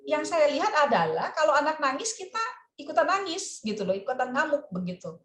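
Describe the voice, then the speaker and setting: A woman therapist gives parenting advice over a video call, animated and expressive, and she repeats her key phrases for emphasis. Her voice sits on the high side and swings widely in pitch. The call audio has a roomy echo. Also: fairly quick. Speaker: parenting seminar speaker.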